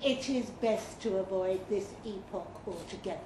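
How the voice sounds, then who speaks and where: In a pub function room before a live audience, a woman reads from a comic guidebook at a fiction event. Her mid-range voice moves at normal speed, with a dry, mock-official tone and playful emphasis. The live recording is roomy and noisy, full of laughter and room noise.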